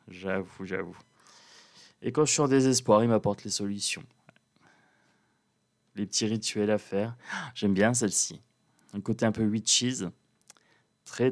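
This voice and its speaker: A man, a card reader, chatting casually to his viewers while presenting an oracle deck, calm and playful in a sleepy morning voice. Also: lowish voice.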